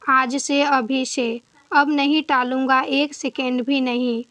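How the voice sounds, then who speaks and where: A woman's voice: sits high, steady tone, slow pace, a bit bright, no room sound. A woman reading as a pleading, desperate young husband. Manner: pleading, frantic.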